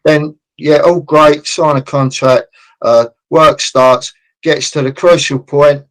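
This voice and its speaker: A man's voice: fairly high pitch, takes it slowly, poor audio. A man, a construction consultant speaking as a podcast guest, blunt and passionate, often acting out what other people say. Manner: animated, acts out quoted people; blunt, passionate about his trade. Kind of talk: podcast interview.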